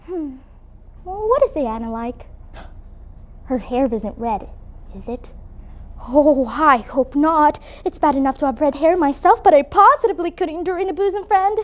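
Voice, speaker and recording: A woman's voice: high voice, animated, unhurried, lo-fi sound. A woman playing a dreamy, dramatic orphan girl in a competitive interpretation piece, gushing in flowery phrases. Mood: pleading.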